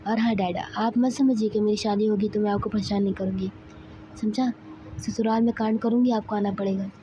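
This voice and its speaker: A woman voicing a playful, teasing young bride in a told story, in a flat, dark tone on a slightly dull recording. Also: mid-range voice, fairly quick, slight background noise, natural voice.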